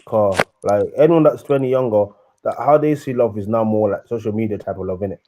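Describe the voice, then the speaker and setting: On a live discussion show, a young adult panellist talks brisk, casual street slang in a London roadman accent, his lowish voice heard through a muffled recording. He keeps tagging "innit" onto his sentences.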